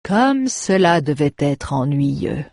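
A woman putting on a scheming middle-aged baron, sarcastic drawl, low husky voice, dry close sound. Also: slow, darkish tone, dry recording. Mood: mocking. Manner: drawling, sarcastic, turning menacing.

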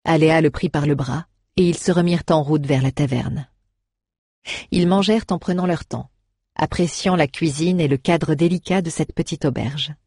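A woman narrating a fantasy novel in a calm audiobook reading, close to the mic. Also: low voice, normal speed, slightly rough, dry recording.

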